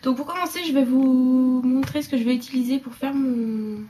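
A woman's voice: high voice, steady tone, normal speed, dark tone, slight background noise. A young woman with a stuffy nose, chatting casually through a nail tutorial at home and dropping to murmurs as she works. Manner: chatty, hesitant, drops to a murmur while working. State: congested, talking through her nose. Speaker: beauty vlogger.

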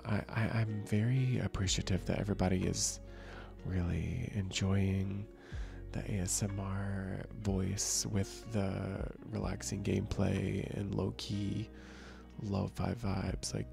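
A young man talks softly and slowly in a relaxed, soft-spoken ASMR manner as he chats with viewers. His voice sits low and has a heavily gravelly, fry-filled texture. Faint relaxing music plays behind him. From northern region. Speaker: streamer.

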